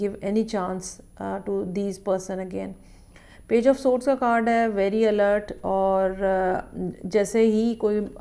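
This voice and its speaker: A woman giving a weekly tarot horoscope reading in a measured, explanatory way, often checking in with the listener. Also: medium pitch, warm tone. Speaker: tarot reader.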